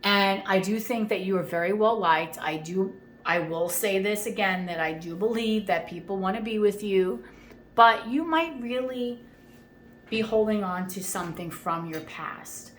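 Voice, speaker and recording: In a chatty, reassuring monologue, a tarot reader works through the cards at a measured pace, her medium-pitched voice often pausing for "okay?" check-ins with the listener. Faint ambient noise and echo fill the room.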